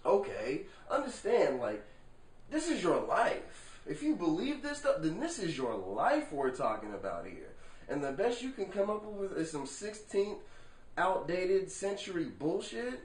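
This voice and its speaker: A man talking to the camera in a casual vlog monologue, animated and rhetorical, swearing freely and checking in with the viewer. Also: high-pitched, unhurried. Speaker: vlogger. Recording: echoey room, far from the mic.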